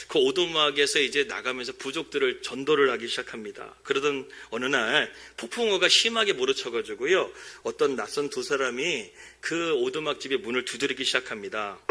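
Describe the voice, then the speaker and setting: A man preaching a Sunday sermon as pastor, earnest and steady, acting out quoted lines in a slower voice. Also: mid-range voice. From South Korea. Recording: church service recording.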